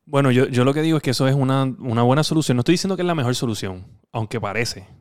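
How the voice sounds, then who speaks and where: A man's voice: mid-range voice, rapid-fire, darkish tone, clear, resonant tone, no room sound, clean studio sound. A man hosting a casual gaming podcast, rambling and teasing, full of filler words. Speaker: podcast host.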